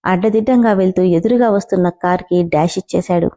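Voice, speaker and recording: A woman narrating a serial story calmly, addressing her listeners directly. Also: mid-range voice, fast talker.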